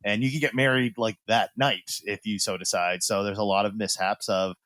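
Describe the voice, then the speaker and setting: A man's voice: on the low side, steady tone, normal speed, a bit bright, no room sound. A man hosting a podcast, talking in casual, rambling banter with plenty of swearing. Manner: rambling, informal. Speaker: podcast host.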